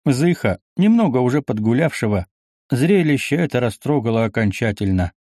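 A man's voice: mid-range voice, very animated, moderate pace, warm tone, no echo. Man narrating an audiobook, dry sound.

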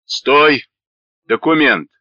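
A man's voice: a little high, animated, drawn-out words, sharp tone, dry recording, lo-fi sound, pitched above the performer's own voice, heavily acted. A man voicing a coarse, brutal male Red Army squad leader who barks orders and mocks his captive. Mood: barking. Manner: barking, menacing, mocking.

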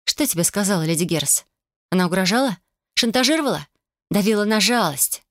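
A woman's voice: medium pitch, lively intonation, brisk, no echo, clean studio sound, lightly acted. A woman voicing an impulsive, indignant young female student, exclaiming in a flustered way. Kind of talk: audiobook character voice.

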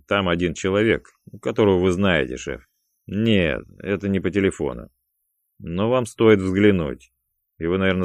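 Man voicing a calculating gangster, dry, curt, mocking, deep voice, dead-dry sound. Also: no echo. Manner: dry, curt, mocking, snapping when angry. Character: cool, calculating male gangster boss of the pair.

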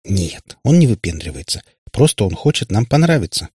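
An earnest, good-natured schoolgirl speaks softly and teases her friend lightly, as a man reading the book puts her on. The raised voice keeps a husky grain. It is recorded dry and close. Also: fairly low pitch, big pitch swings, normal speed, dry recording, heavily acted. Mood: gentle. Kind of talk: audiobook reading.

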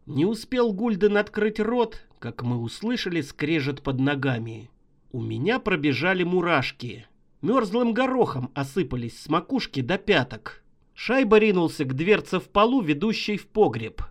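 A man reading a horror story aloud as an audiobook narrator, expressive and vivid. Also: sits high, normal speed.

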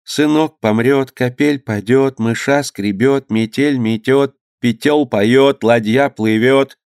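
A man voicing a childlike holy fool who chants nonsense rhymes slowly in a sing-song way. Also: mid-range voice, darkish tone, clean tone, dry recording, studio quality. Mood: chanting.

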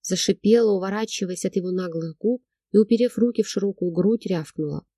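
A woman reading a novel aloud as first-person narrator, in a measured, emotional storytelling manner. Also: medium pitch, mellow, husky, no echo, clean studio sound. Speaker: audiobook narrator.

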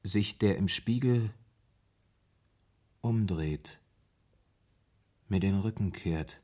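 The same 1970s German radio play has an actor speaking low and mellow as a brooding, troubled man. Haunted and fearful, he haltingly and dramatically admits his dread of madness.

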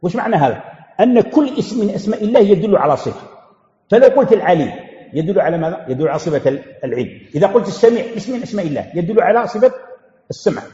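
High lively sheikh teaching in an echoey hall. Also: male voice, very fast. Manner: asks questions and answers them himself; repeats key phrases for emphasis. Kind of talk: religious lesson. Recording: echoey hall, dull lo-fi sound.

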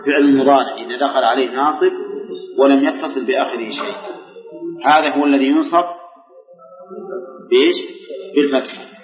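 An older man teaching grammar to a class, quizzing students and slowly repeating examples. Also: mid-range voice, steady tone, faint music behind. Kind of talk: classroom lesson with questions to students. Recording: echoey hall, dull lo-fi recording.

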